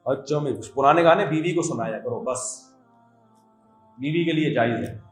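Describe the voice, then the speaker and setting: A man gives a humorous religious lecture, telling stories with jokey asides to an audience of students. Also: a little high. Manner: storytelling, jokey asides, quoting voices. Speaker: religious scholar giving a talk. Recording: echoey hall, faint music.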